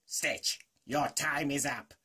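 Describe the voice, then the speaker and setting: A man's voice: medium pitch, fairly even intonation, slow pace, sharp tone, husky, exaggerated voice. A man voicing a grandiose, scheming space villain who speaks melodramatically. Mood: gloating. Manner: gloating, melodramatic.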